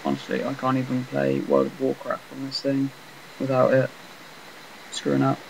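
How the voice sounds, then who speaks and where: A man casually rambling through commentary on a game he is playing, talking in a flat, self-deprecating way on a laptop mic. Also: mid-range voice, normal speed, creaky, a little hiss or hum, low-quality recording. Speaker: gameplay commentator.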